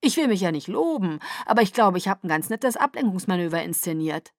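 A woman's voice: fairly low pitch, lively intonation, brisk, no echo, studio quality. A woman voicing a brash, teasing young male shapeshifter in an audiobook. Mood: cocky. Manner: cocky and teasing.

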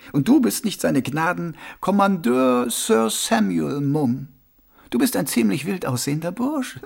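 A man voicing a calm, wry old monk sweeper who speaks slowly and soothingly, in an audiobook character voice. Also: fairly high pitch, creaky, slightly rough, voice pushed up, heavily acted. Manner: slow, gently amused, soothing.

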